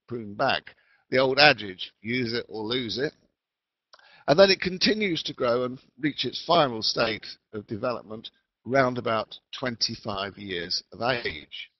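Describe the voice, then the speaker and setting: A man giving a measured educational talk over a patchy online call whose sound fades in and out. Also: mid-range voice, animated, dry recording. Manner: measured, deliberate explaining. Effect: patchy online call audio that fades in and out. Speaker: webinar speaker. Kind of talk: educational lecture. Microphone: remote call mic. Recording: dull lo-fi call line, dry.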